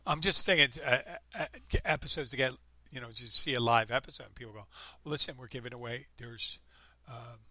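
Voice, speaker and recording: A man's voice: mid-range voice, fairly quick, few pauses, bright, forceful tone, dry recording. A man in his fifties hosting a podcast, chatting casually and rambling with frequent restarts. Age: 50s. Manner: rambling, upbeat, self-interrupting. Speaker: podcast host. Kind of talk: casual chat.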